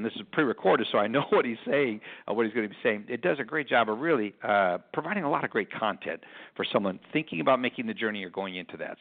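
A man hosting a radio podcast from a rented conference room, chatting casually and rambling through sponsor reads, with an echoey room sound. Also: fairly low pitch. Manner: chatty, rambling with fillers and restarts. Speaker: podcast host. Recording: phone-like line in echoey room.

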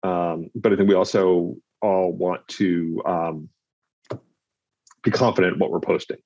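A man's voice: sits low, steady tone, a little slow, a little mellow, dry recording. A man as an interview guest, speaking thoughtfully and repeating words as he searches for them, on slightly dull remote audio. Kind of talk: casual conversational interview.

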